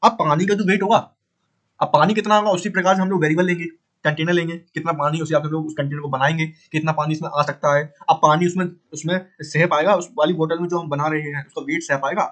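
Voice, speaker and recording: A man teaching a beginner coding lesson in a casual way, repeating points and asking and answering his own questions, often pausing to fix his drawing. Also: fairly high pitch, steady tone, fairly bright tone. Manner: frequent pauses to fix the drawing.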